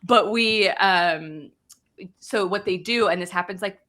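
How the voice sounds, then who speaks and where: Bright-voiced woman chatting from her office. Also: medium pitch, measured pace. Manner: rambling, laughing, lots of fillers and restarts. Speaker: podcast co-host. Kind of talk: casual chat. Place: home office.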